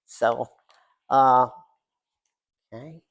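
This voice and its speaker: This is a man reading his own writing aloud before a live audience, his voice noticeably gravelly and creaky at a middle pitch. He speaks extremely slowly in a steady tone, drifting now and then into joking, self-deprecating tangents that ramble.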